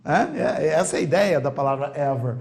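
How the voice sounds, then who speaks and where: A Brazilian man teaches English online, his voice sitting a touch high. His first language is Portuguese. He drills key words slowly and keeps checking in with his students through quick questions. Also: lively intonation, vocal fry, darkish tone. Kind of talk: online grammar lesson.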